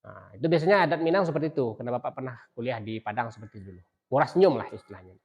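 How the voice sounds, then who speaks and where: A middle-aged man teaching a class, asking rhetorical questions and pausing on fillers and restarts. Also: mid-range voice, animated, darkish tone, breathy edge, muffled recording. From Indonesia. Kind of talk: classroom lecture.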